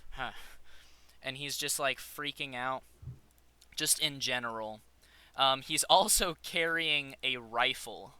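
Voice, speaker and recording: A man's voice: mid-range voice, pushed and bright, clear, resonant tone, no room sound. A man running a tabletop game, narrating in a rambling way with frequent fillers and restarts. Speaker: game master.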